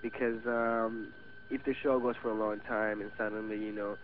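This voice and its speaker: The guest actor, an eighteen-year-old native Spanish speaker with a Venezuelan accent, has a lowish voice with little pitch movement and a moderate pace. His interview talk is casual and hesitant, full of restarts. The sound is tinny, phone-like radio with a faint hiss.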